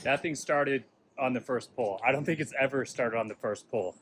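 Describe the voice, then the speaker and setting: A man hosting a casual do-it-yourself vlog, talking to himself with excitable, self-mocking energy as he tests his tools. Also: mid-range voice, moderate pace, roomy sound, background noise. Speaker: DIY video host. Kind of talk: casual vlog narration while testing tools.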